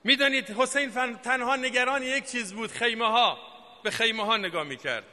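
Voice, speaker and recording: Man, Friday preacher, fiery political sermon, very high voice, long hall reverb. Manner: fiery, rising to shouted declamation.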